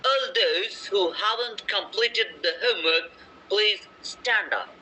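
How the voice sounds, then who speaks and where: A man reading a teacher's part in a textbook dialogue, slowly and carefully, in an attempted British accent. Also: high-pitched, sharp tone, slight background noise, pitched above the performer's own voice, heavily acted, low-quality recording. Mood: measured. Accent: attempted British English. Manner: slow, careful demonstration reading.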